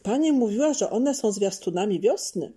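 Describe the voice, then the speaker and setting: A woman's voice: medium pitch, expressive, moderate pace, dark tone, breathy edge, pitched above the performer's own voice. A woman voicing a curious little boy in a children's storybook, asking questions in a raised childlike voice.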